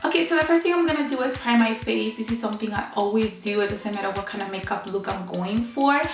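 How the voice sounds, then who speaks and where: A woman's voice: medium pitch, fast talker, slight background noise. A woman vlogger with a bad cold and a honking, nasal, stuffed-up voice, chatting casually through a makeup tutorial. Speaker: beauty vlogger. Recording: roomy echo, music behind. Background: music.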